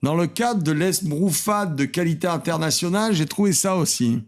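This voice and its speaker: Host reacting to cooking clips, slightly high gravelly voice, dry sarcasm, mutters asides under his breath. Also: animated, moderate pace. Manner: sarcastic, self-mocking, trails off into quiet muttered asides. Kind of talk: casual reaction commentary.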